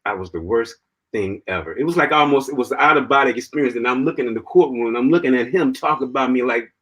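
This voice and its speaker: A man as an interview guest, telling his own story in an animated way, laughing often and filling his talk with "man" and "you know.". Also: mid-range voice, fast, breathy edge, poor audio. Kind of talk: personal storytelling in conversation.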